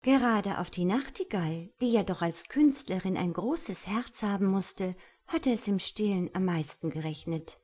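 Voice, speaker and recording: A woman narrates a fairy tale in an expressive, lilting storybook style. Her voice sits in a middle range. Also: mid-range voice, unhurried, hardly any pauses. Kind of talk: storybook reading.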